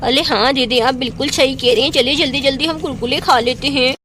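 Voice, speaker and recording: A woman's voice: sits high, fairly quick, a bit bright, a little hiss or hum, pitched below the performer's own voice. A woman voicing a cheeky young village girl who complains playfully.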